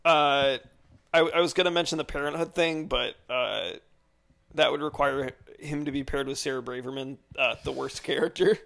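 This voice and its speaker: A man's voice: medium pitch, steady tone, normal speed, creaky, fairly bright tone, dry recording, clean studio sound. A man co-hosting a casual chat, teasing and sarcastic. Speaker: podcast co-host.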